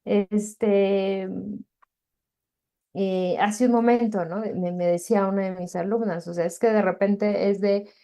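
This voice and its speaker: A woman's voice: mid-range voice, steady tone, slow, dark tone. A woman with a Mexican accent giving an informal webinar lecture to parents, talking conversationally with frequent tag questions and filler words. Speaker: webinar presenter and teacher.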